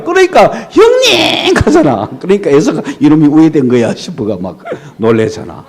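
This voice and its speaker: A middle-aged male pastor, preaching a sermon with animated storytelling and rhetorical questions to his congregation. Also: a little high.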